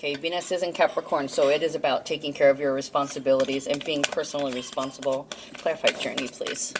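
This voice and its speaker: A woman's voice: deep voice, level tone, quick pace, background noise. A woman giving a casual, rambling card and astrology reading, thinking aloud and correcting herself, her articulation slightly off from a dental problem. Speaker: tarot and astrology card reader.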